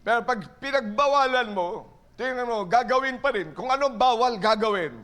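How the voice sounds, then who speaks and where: A man with a high-pitched voice preaches a sermon to his church. He moves between earnest exhortation and playful, teasing asides to the people in the pews. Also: animated, moderate pace, a bit bright. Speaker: pastor.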